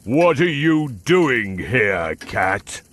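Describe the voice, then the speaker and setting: A man voicing a fierce, boastful male ogre in a bedtime storybook, speaking slowly and gruffly. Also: medium pitch, very animated, fairly bright tone, heavily acted. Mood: angry.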